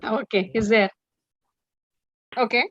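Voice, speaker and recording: A woman chairs a formal session in a firm, correcting manner. Her voice is somewhat high, heard close and dry through muffled lo-fi call audio. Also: steady tone, takes it slowly, a bit bright, no room sound.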